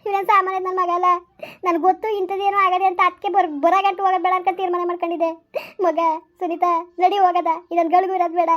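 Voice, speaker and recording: A grieving village mother-in-law, played by a woman, wailing and scolding. Her voice sits very high with a flat, unvarying pitch, and she talks fast. The recording is dull and lo-fi.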